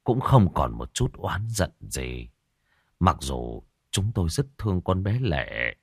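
A remorseful older father speaks softly in a low voice, as a male narrator puts him on. His words come slow and subdued in a storybook reading. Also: big pitch swings, breathy edge, no echo, clean studio sound, heavily acted. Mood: regretful.

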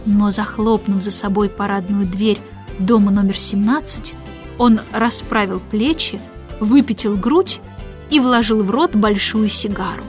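A woman narrating a children's storybook in an expressive, measured way. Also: medium pitch, faint music behind. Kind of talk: scripted audiobook narration.

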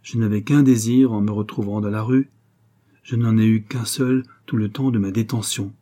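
A man's voice: fairly low pitch, fairly even intonation, dark tone, close to an everyday voice. A man reading the part of an aging ex-prisoner bent on revenge, hard and grim in his words. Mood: vengeful. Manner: hard, cursing, slow and grim. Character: bitter aging man fresh from prison, vengeful.

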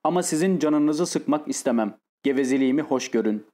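A man voicing a tormented, lonely, nervous man who speaks in a halting, pained way in an audiobook. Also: mid-range voice, expressive, mellow, close to an everyday voice. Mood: troubled.

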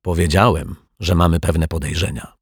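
A man's voice: low voice, fairly even intonation, normal speed, husky, dry recording, studio quality. A man voicing a fussy, breathless male neighbour in a storybook. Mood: worried. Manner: puffing, breathless.

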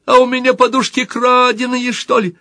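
A man's voice: very high voice, level tone, normal speed, sharp tone, no echo, clean studio sound, voice pushed up, full character voice. A man voicing a weepy, plaintive middle-aged mother who pleads and whines. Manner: whiny, pleading.

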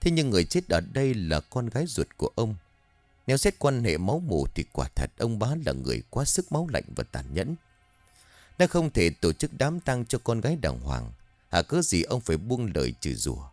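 A man with a low voice narrates a dark tale with lively, swinging pitch. The sound is dry and close, with faint music behind him. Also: a little fast, dry recording. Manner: expressive, animated reading. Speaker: storyteller. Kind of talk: dramatic story narration.

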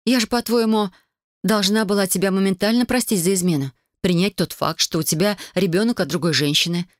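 A woman's voice: medium pitch, a little fast, no room sound, voice pushed up, close to an everyday voice. A sarcastic young wife hurls accusations in a lifted, pointed voice, as a male narrator puts her on. The audiobook recording is dry and close, with no room sound behind it. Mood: sarcastic, accusing. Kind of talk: audiobook character voice.

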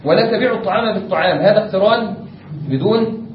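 An Egyptian man who teaches Islamic jurisprudence lectures a class fast in a high voice, going step by step and throwing rhetorical checks at the students. A distant, dull lo-fi mic in an echoey room adds faint hiss.

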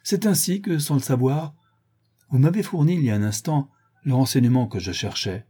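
A man's voice: medium pitch, expressive, moderate pace, warm tone, breathy edge, voice pushed up. A man reading as a stern English detective. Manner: curt, reproving.

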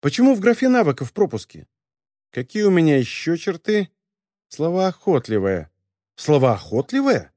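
Brief: playful invisible girl, raised lighter voice, teasing and quick-tongued, put on by a male reader. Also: fairly high pitch, wildly swooping pitch, warm tone, no room sound, studio quality, pitched above the performer's own voice. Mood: indignant. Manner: playful, mischievous. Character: cheeky chatty invisible teenage girl.

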